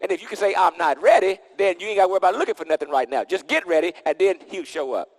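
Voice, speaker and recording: A man's voice: high voice, rapid-fire. Male preacher, pulpit microphone, emphatic repeated phrases, call-and-response, long church reverb. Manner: casual vernacular speech. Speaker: pastor. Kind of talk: sermon.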